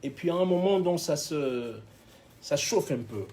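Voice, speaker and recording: A man casually telling a road anecdote as a guest, animated, acting out other people's lines and laughing often. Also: a little high, measured pace, slight background noise. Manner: switches into English phrases mid-story. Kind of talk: casual storytelling.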